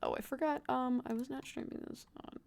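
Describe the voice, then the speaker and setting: A woman's voice: high-pitched, fairly even intonation, a little fast, vocal fry, a little mellow. A woman giving casual, sweary commentary as she streams a game. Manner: frequent swearing.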